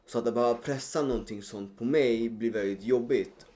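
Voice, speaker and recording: A man's voice: mid-range voice, dark tone. A man guesting on a casual podcast, talking thoughtfully and searching for his words. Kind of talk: casual chat.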